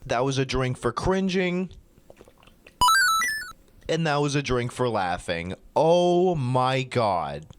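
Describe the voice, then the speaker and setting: A man's voice: mid-range voice, big pitch swings, slow, pauses often, loud music behind the voice. A man hosting his channel, reading fan fiction aloud with swearing and exasperated asides. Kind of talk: comedic dramatic reading.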